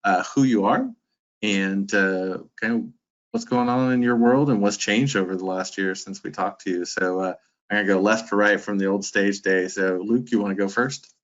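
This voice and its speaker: A man's voice: lowish voice, normal speed. A man hosting a panel discussion, talking in a loose, rambling way with lots of fillers. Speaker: panel host. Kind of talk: casual panel moderation. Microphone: video call. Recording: dull video-call audio.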